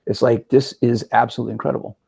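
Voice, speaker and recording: A man in his forties hosting a casual interview as a coach, talking in an energetic, conversational way with frequent "right?" asides. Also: medium pitch, racing, creaky, breathy edge. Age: 40s. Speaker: podcast host and metabolic coach.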